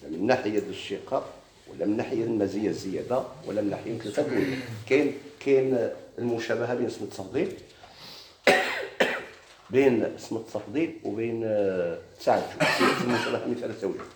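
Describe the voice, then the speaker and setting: A man's voice: fairly low pitch, quick pace, echoey room, noisy background. A man with a Moroccan Arabic accent teaching a grammar lesson, explaining step by step and quizzing his students with questions. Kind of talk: classroom lesson.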